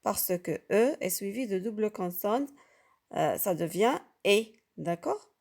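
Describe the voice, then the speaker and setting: A woman's voice: medium pitch, lively intonation, measured pace, vocal fry, a little mellow. A woman teaching French pronunciation to beginners. She speaks patiently, repeats each sound, and keeps checking that her listeners follow. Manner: patient, repeats sounds and asks "d'accord?" often. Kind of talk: slow, carefully articulated lesson for beginners.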